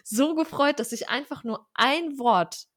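A woman's voice: sits high, a little slow, dry recording. Chatty young woman, dry close sound. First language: Armenian. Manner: chatty, animated storytelling with fillers. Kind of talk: casual conversation.

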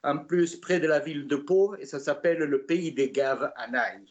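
A man in his sixties from southwest France tells his story with a Gascon accent. His voice sits fairly high and he talks in a relaxed, hesitant way, pausing often. The recording sounds slightly dull and muffled. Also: loud music behind the voice. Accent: Gascon French. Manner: relaxed, hesitant with many "euh" fillers. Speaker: interview guest. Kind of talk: casual storytelling.

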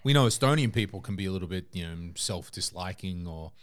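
A man's voice: low-pitched, animated, fast talker. A man hosting a casual conversation, putting rambling questions and hypotheticals with some swearing. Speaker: podcast host.

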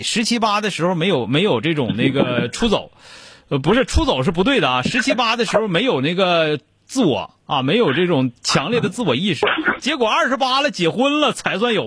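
A man's voice: sits high, fairly bright tone, slightly rough, dry recording, clean studio sound. A man hosting a radio call-in show, giving blunt, joking advice.

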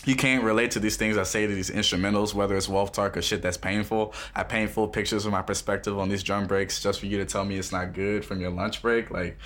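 An excitable man chatting about music, his voice sitting on the lower side. He talks loosely and with enthusiasm, piling on filler words and swearing when something impresses him. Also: quick pace, few pauses. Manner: animated, swears, gushes over verses. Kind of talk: casual music review chat.

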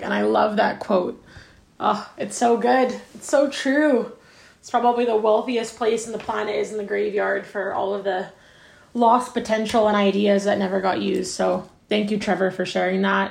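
A woman hosting a podcast in a relaxed, effusive way, with frequent fillers. Her mid-range voice carries a gravelly fry. The room around her adds a noticeable echo. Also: medium pitch, moderate pace. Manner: chatty and effusive, many fillers. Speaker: podcast host. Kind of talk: casual interview chat. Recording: roomy echo.

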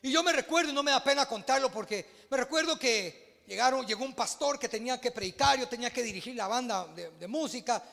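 A man with a Guatemalan Spanish accent preaching a sermon as pastor, swinging between loud exclamations and hushed asides. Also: very high-pitched, expressive, fairly quick, creaky, few pauses, in a large hall.

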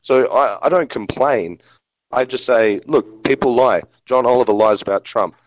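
A man's voice: medium pitch, normal speed, no echo, lo-fi sound. A man talking in a casual debate over a video call, his audio breaking up and cutting out as he restarts his words. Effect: choppy, cutting-out call connection.

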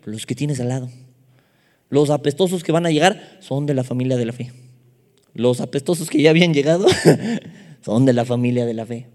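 A man with a Mexican accent preaching a sermon, telling stories in a lively, humorous way. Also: medium pitch, moderate pace, pauses often. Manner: lively storytelling with humorous asides. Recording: long hall reverb.

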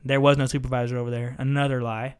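A young man, telling a story in casual chat. He is animated and profane, acting out both sides of each exchange. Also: medium pitch, quick pace, clean tone. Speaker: podcast host.

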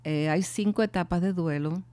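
A woman's voice: lowish voice, mellow, clean tone, no echo. Earnest middle-aged woman, dry close sound. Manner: earnest, heartfelt, many pauses and restarts. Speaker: bereaved mother sharing her testimony. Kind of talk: personal testimony and talk on grief.

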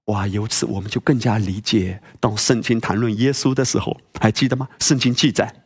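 A man's voice: lowish voice, fairly even intonation, fairly quick, breathy edge. A male pastor preaching a sermon, emphatic and full of rhetorical questions and exclamations.

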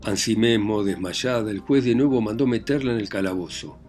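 Low-voiced man narrating a poem. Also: brisk, soft background music. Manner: steady storytelling narration. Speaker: reader. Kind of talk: reading a narrative poem aloud.

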